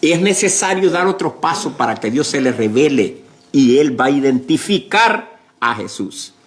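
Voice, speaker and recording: A male pastor preaching a sermon slowly and emphatically, with many fillers and repeated words. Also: mid-range voice, very animated.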